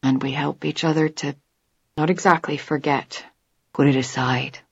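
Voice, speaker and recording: A bold, stout woman with a New York accent, as a female narrator puts her on, talking earnestly and low. The sound is dry and close with a slightly dull, muffled quality. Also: fairly even intonation, normal speed, creaky, husky, no room sound, heavily acted. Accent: New York with mock Irish.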